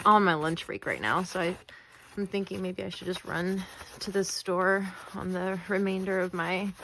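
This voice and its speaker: Unhurried woman crafter thinking aloud, humble and hesitant. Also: mid-range voice, a bit bright, a little hiss or hum. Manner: rambling, with frequent ums and restarts; humble, apologetic. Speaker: craft video maker. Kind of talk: casual chat while crafting.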